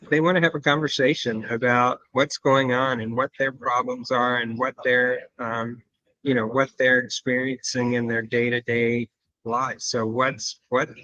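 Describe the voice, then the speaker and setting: A man's voice: medium pitch, bright, forceful tone, dry recording, lo-fi sound. A man from Louisiana, a guest in a casual interview, speaking earnestly and repeating phrases for emphasis.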